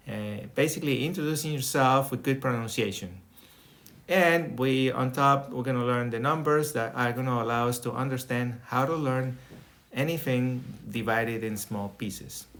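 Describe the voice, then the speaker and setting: A middle-aged Colombian man, a native Spanish speaker with a Colombian accent, teaches an online Spanish lesson over a video call with screen sharing. His voice is medium-pitched and fairly bright, and he checks in with "okay?" as he explains each step. The audio comes from a webcam or laptop mic.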